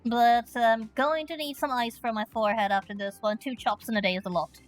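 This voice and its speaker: A woman's voice: on the high side, steady tone, measured pace, faint music behind. A woman giving casual commentary as she plays through a game.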